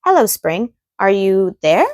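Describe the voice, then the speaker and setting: A woman's voice: medium pitch, sing-song, unhurried, darkish tone, no room sound, clean studio sound. A woman voicing an eager, impatient little boy turtle in a childlike storytime read-aloud. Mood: eager, excited.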